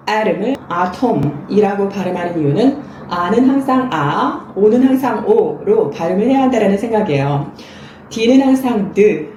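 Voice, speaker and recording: A woman's voice: medium pitch, mellow. A woman teaching English pronunciation in a friendly scripted lesson, speaking directly to her viewers. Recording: echoey room with faint background noise.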